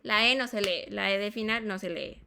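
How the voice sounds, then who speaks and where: A woman's voice: mid-range voice, creaky, pushed and bright. A woman teaching English pronunciation, repeating words and checking in with her students. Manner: slow and deliberate, spelling sounds out. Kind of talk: classroom phonetics explanation.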